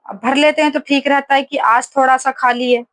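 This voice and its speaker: A woman's voice: high voice, fairly even intonation, brisk, a bit bright, no echo. A woman vlogging casually at home, telling stories in a chatty way with many fillers. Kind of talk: casual home vlog chat. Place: home kitchen, indoors.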